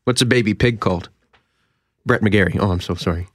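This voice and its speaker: A man's voice: lowish voice, brisk, a bit bright, no echo. A man co-hosting a radio show, chatty and wisecracking in the studio. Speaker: radio host. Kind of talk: casual radio banter.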